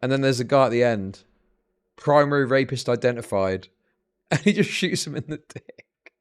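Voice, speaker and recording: A man's voice: mid-range voice, expressive, moderate pace, clean tone. A man hosting a livestream, telling rambling, profane stories in casual chat that build into exasperated rants. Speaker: livestream host.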